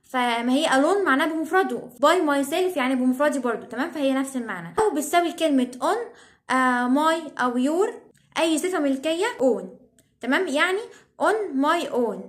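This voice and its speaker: A woman's voice: sits high, lively intonation, normal speed. A young woman with an Egyptian Arabic accent explaining English vocabulary as a teacher, checking in with "tamam?" after nearly every point. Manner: repeats "تمام؟" as a check-in.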